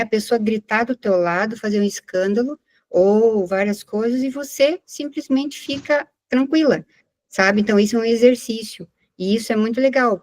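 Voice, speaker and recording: Earnest Brazilian woman explaining warmly. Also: medium pitch, dry recording. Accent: Brazilian Portuguese. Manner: earnest, explaining, with many tag questions. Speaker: study group participant. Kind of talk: casual group discussion.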